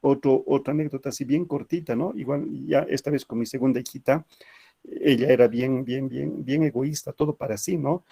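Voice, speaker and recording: A man's voice: medium pitch, normal speed, vocal fry, dark tone, slightly rough. A man teaching an ethics class, telling anecdotes in a chatty way with frequent tag questions.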